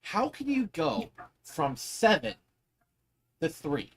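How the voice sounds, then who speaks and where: A man's voice: a little high, huge pitch swings, slow pace, husky. A man giving casual, opinionated commentary while gaming, speaking emphatically and swearing freely. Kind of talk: casual chat over gameplay.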